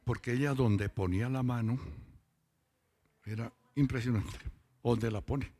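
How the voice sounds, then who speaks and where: A lay preacher gives a testimony sermon at a church meeting, his mid-range voice warm as he tells stories. He draws out words for emphasis.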